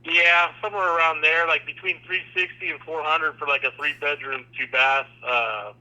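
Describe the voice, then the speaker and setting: A man's voice coming through a phone on speaker, dull and lo-fi. His tone is bright and sharp-edged, a touch high for a man, and he talks in a loose, easygoing way, throwing in dude and bro. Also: steady tone, normal speed. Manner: laid-back, slangy, calls people dude and bro. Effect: played over a phone on speaker. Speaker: caller on a livestream. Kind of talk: casual chat.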